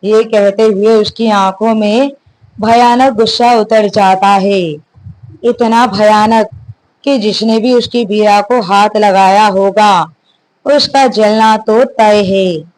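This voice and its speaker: A storyteller reads a serialized romance drama in a slow, steady, unhurried voice at a middling pitch. The delivery is plain scripted narration for an audio storybook. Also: poor audio.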